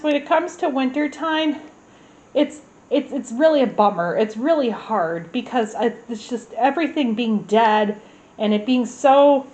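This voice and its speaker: A woman's voice: on the high side, rough recording. A woman, congested and rambling in a casual gardening vlog, full of fillers and restarts. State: congested, clearing her throat. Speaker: gardening vlogger. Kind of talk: casual chat.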